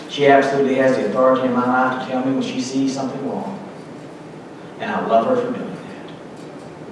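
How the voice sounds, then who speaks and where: Captured from far away in an echoey church sanctuary over a noisy background, a middle-aged pastor speaks in a mid-range voice. He stands at the pulpit, reading scripture aloud earnestly and with emphasis as part of a sermon.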